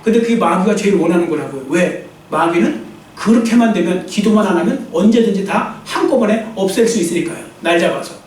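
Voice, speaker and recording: A man with a high voice preaches to a congregation, pressing his points hard and slipping into the voices of troubled people. He sounds far from the mic, caught in a very echoey church hall. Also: animated, fairly quick, a little mellow. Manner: emphatic, acts out quoted inner voices. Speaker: pastor. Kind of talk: sermon. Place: church sanctuary.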